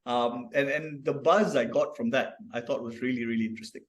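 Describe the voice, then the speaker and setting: A man's voice: medium pitch, brisk. A man from Malaysia, a founder guest on a podcast, telling stories reflectively, with many restarts and tag questions. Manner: reflective, storytelling, frequent restarts and "right?" tags. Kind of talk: casual podcast conversation.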